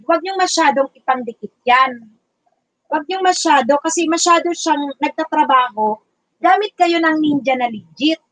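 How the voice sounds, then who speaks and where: A teacher from the Bicol region hosting a casual livestream, loudly chatting and greeting viewers by name. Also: female voice, high voice, no echo, rough recording. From Bicol region, Philippines.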